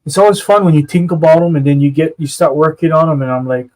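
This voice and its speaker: A man's voice: fairly high pitch, steady tone, fast talker, darkish tone, low-quality recording. A man co-hosting a casual art stream, rambling with lots of fillers and "you know what I mean". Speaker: co-host and illustrator.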